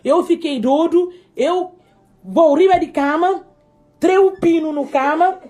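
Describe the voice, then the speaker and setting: A high-voiced woman with a Cape Verdean accent puts on a garbled, mock-formal complainer. She talks in broken, repetitive Portuguese, pitched above most women. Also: slow pace, warm tone. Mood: mock complaint.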